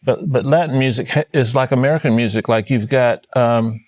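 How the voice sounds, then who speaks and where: A man's voice: mid-range voice, brisk, darkish tone, no room sound. A man from South Florida co-hosting a talk show, musing aloud and rambling with many fillers. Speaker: co-host.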